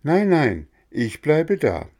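A man's voice: medium pitch, big pitch swings, unhurried, vocal fry, darkish tone, voice pushed up. A man voicing a wooden puppet boy who protests earnestly.

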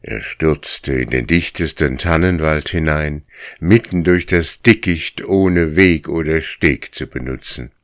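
Male audiobook narrator with a very deep, unhurried read and a dry, close sound. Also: no room sound. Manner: slow, measured storytelling. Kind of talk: scripted narration.

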